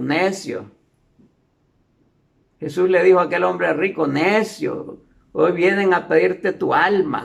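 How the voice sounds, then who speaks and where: Gravelly, high-pitched Honduran lecturer. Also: male voice. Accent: Honduran Spanish. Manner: preachy, emphatic repetition. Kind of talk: moral lecture.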